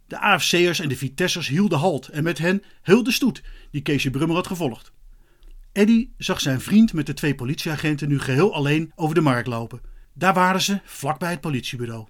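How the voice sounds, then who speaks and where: A man narrating a children's story as an expressive, lively audiobook reading. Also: on the high side, brisk.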